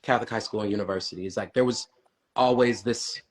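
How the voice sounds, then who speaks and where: A man's voice: on the low side, fast talker. A man talking as a guest in a casual conversation, reflective and thoughtful.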